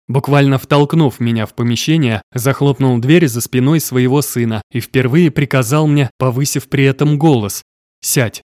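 A man reading a first-person audiobook in a measured, even way. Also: medium pitch, no room sound, studio quality. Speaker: audiobook narrator.

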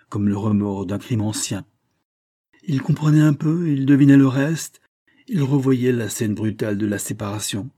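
A man narrating a literary story in a measured, expressive reading. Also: fairly low pitch, dry recording, clean studio sound. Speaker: audiobook narrator.

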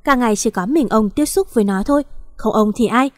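A woman giving voice to a harsh, impatient older sister who scolds sharply. Her voice sits a bit high, and the recording is close and dry. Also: a little fast, no echo, lightly acted. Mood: scolding.

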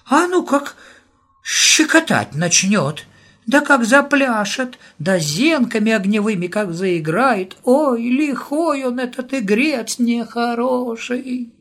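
A man voicing a superstitious, fearful old village woman in a high, sing-song, wailing voice. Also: expressive, slow pace, full character voice. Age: older.

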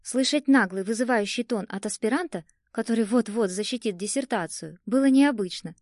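A woman narrating a first-person audiobook in a lively, expressive storytelling manner. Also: fairly high pitch, fairly quick, no room sound, studio quality.

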